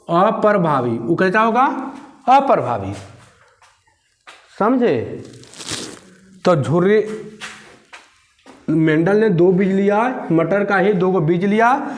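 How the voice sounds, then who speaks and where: Slow, high-voiced teacher drilling. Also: male voice. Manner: repetitive question-and-answer drilling. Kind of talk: classroom lesson.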